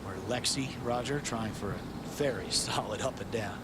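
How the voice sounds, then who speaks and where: A man's voice: mid-range voice, normal speed. A man hosting golf coverage as a commentator, setting scenes and handing over to colleagues. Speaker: golf commentator, broadcast host. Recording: loud outdoor ambient noise behind the voice.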